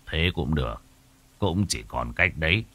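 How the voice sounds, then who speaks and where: A man voicing a worried village father brooding over his missing daughter in a low, heavy way. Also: very animated, a little slow, fairly bright tone, heavily acted.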